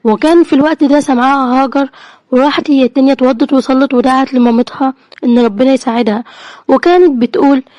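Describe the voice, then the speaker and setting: راوية قصص مصرية بصوت عالٍ سريع. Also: female voice, high voice, steady tone, quick pace, a little mellow, no room sound, lo-fi sound. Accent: Egyptian Arabic. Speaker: storyteller. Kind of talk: narrated storytelling.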